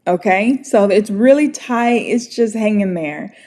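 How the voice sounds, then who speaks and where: Teaching English pronunciation online in a relaxed way, an American woman stays friendly and encouraging, her pace slow and deliberate. Her voice is mid-range and a little mellow.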